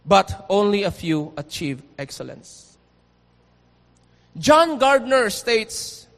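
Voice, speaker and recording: A man with a Filipino accent preaching a sermon, telling a story dramatically and swinging from loud to hushed. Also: very high voice, big-room sound.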